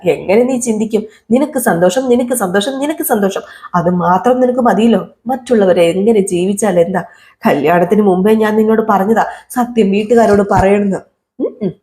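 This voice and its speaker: A woman's voice: mid-range voice, warm tone, lightly acted. A woman voicing an angry middle-aged mother who scolds her daughter, repeats her accusations and dares her to strike.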